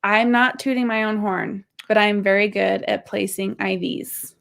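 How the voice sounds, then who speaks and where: Young woman course host, gravelly, mid pitch, casual and candid, tells personal stories. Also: steady tone, measured pace, fairly bright tone. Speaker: podcast host and marriage course teacher. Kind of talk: casual teaching talk.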